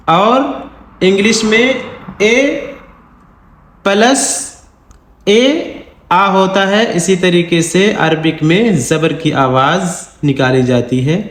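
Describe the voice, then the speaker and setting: A man's voice: high-pitched, fairly bright tone, roomy sound. A man teaching Quran reading in an online lesson, patiently spelling out letters and their vowel sounds and often checking that the learners follow. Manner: patient, repeats drills slowly and checks with "theek hai?".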